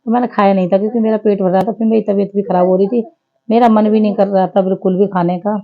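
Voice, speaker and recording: A woman's voice: mid-range voice, fairly even intonation, fast, narrow, tinny audio. A woman in her thirties giving a chatty, homely running commentary over her family vlog. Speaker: family vlogger.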